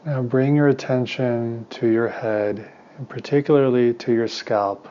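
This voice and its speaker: Speaking at a medium pitch, a male teacher leads a guided meditation in a calm, soothing, unhurried way with long pauses. The sound quality is lo-fi.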